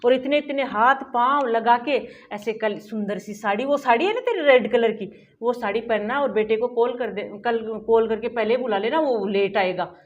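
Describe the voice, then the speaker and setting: A woman's voice: a little high, normal speed, lightly acted. An actress playing a caring, motherly mother-in-law who soothes and fusses in a family drama. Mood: fussing. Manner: soothing and fussing. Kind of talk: amateur family short-film acting. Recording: dull lo-fi audio, soft music.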